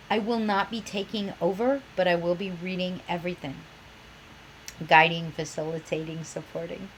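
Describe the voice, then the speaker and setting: A woman professor with a cold introduces her course in a chatty, enthusiastic way, calling herself a geek. Her fairly low voice sounds slightly nasal, and the rough recording carries slight background noise.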